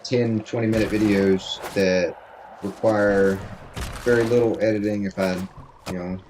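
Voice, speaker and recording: A man with a fairly low voice talks casually to his viewers while he plays, rambling and easygoing and breaking into laughs often. He speaks into a desk microphone in his home streaming room. A steady hiss runs under the recording. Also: unhurried. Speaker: variety game streamer.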